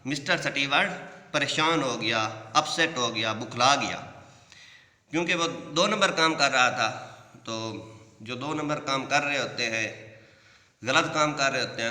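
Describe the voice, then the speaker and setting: A man teaching English by translating a story line by line. He reads each English line slowly, then explains it at length. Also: mid-range voice, bright, forceful tone. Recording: echoey room with long reverb.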